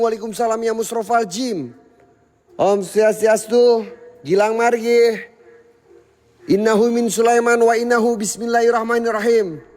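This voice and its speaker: Man, ghost-hunt stream host, high voice, loud challenges to spirits and hushed muttered prayers, long echoing reverb. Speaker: paranormal livestream host. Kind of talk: live ghost-hunting stream. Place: hotel, indoors and out by a pool.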